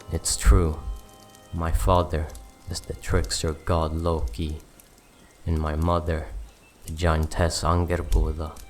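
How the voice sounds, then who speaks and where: A man playing a proud, brooding giant wolf of Norse myth, telling his own story in solemn, measured narration. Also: rumbling low. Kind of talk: first-person scripted mythic narration. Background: background music.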